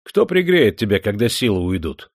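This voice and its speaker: A domineering, wrathful factory owner from an audiobook, as a male narrator puts him on, barking orders in a raised, forceful voice. He sounds booming and scornful, well above the reader's own low register, and the audio is dry and close. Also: sing-song, normal speed, no room sound.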